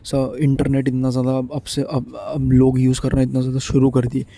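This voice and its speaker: Earnest young man, dark mellow voice. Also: mid-range voice, monotone, moderate pace. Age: 20s. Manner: earnest, repetitive, mixes Hindi with English. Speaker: vlogger. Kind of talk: casual motivational monologue.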